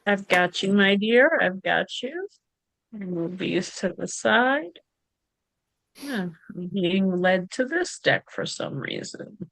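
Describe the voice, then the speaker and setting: Bright-voiced, unhurried woman hosting. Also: medium pitch, lively intonation, gravelly, no echo, poor audio. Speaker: host and divination reader. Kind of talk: casual live-stream hosting.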